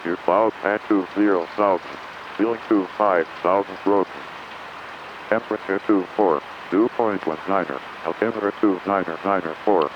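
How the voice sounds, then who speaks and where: A man's voice on an automated airport weather broadcast, reciting wind, clouds and runway information in a flat, recited way over an aircraft radio. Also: low-pitched, moderate pace. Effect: airport weather broadcast heard over aircraft radio. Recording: muffled aircraft radio under engine noise.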